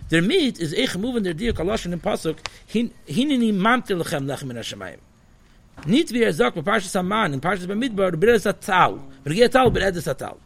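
A man, giving a Talmudic study lesson in an animated, sing-song way with many fillers. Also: high voice, a little fast, gravelly, slight background noise. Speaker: Torah teacher.

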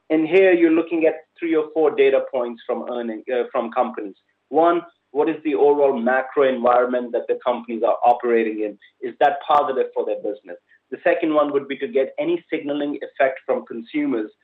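A man gives unscripted expert commentary as a guest, analytical and point by point, with halting pauses. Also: mid-range voice. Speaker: investment strategist, podcast guest. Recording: narrow phone-like line.

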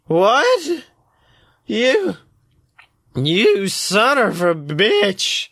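A man's voice: high-pitched, sing-song, a little slow, no room sound, clean studio sound, pitched above the performer's own voice. A man voicing a cocky male god who is getting drunk, slurring and stammering his words. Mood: outraged.

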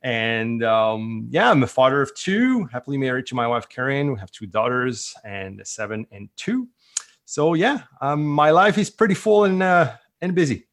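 A man's voice: mid-range voice, expressive, moderate pace. Chatty man, light French-influenced eastern Canadian accent. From eastern Canada, French-speaking island off Newfoundland. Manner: informal, chatty. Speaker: entrepreneur, coaching company founder, guest. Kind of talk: casual interview chat.

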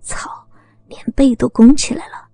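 A woman's voice: unhurried, warm tone, no room sound, faint music behind, natural voice. A woman voicing a crude, mocking young male thug in a half-whispered tone.

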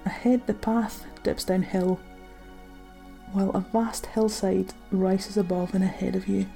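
Her voice is warm, mellow and mid-pitched with a creaky edge, and she narrates like a guide for a sleep story. The scripted meditation comes out gentle, steady and unhurried, each phrase fading softly into breath while faint music plays underneath.

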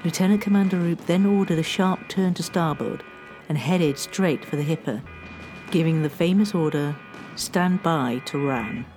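Reading a scripted history segment for radio over music, a woman keeps a measured delivery and slows at the dramatic moments. Her pitch is fairly low and her tone steady.

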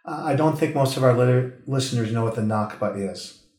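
A man's voice: mid-range voice, brisk, a little mellow, roomy sound. A man from the United States hosting a show, asking friendly, inquisitive interview questions. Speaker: radio host.

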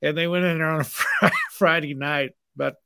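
A retired man in his sixties co-hosting a casual sports chat. He tells stories in a relaxed, easily amused way. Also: on the high side, a little fast, gravelly, clean tone. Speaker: co-host.

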